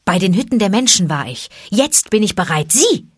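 A woman's voice: medium pitch, very animated, normal speed, breathy edge, dry recording, clean studio sound, voice pushed up. A woman voicing a bold, defiant boy raised by wolves in a storybook reading. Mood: eager. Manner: crying out defiantly.

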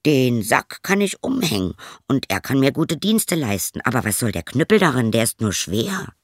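A man's voice: medium pitch, big pitch swings, moderate pace, no room sound, clean studio sound, pitched above the performer's own voice. A man voicing a bold, boastful young male journeyman in a fairy tale, speaking with proud emphasis.

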